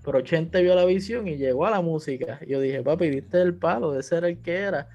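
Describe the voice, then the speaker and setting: A man with a Puerto Rican Spanish accent, from Puerto Rico, chats casually as a podcast guest and platform founder, telling his story in a slangy way, mixing in English words and acting out quotes. His voice is a little high and a little mellow, and he talks fairly quickly. The lo-fi recording has faint music in the background.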